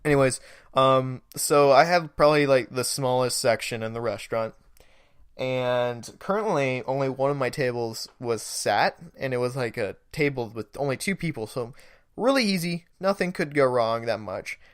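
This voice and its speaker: A young man hosts a podcast, rambling casually through a story and now and then laughing or swearing. His mid-range voice moves at a normal speed, with a clean tone and a dry, clean studio sound.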